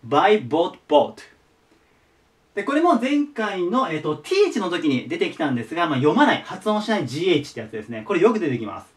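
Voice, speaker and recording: Male tutor, patient, repeats forms, very animated pitch, a bit off-mic. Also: quick pace, distant mic. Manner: patient, repeats each word form. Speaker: teacher. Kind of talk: explaining English vocabulary to students.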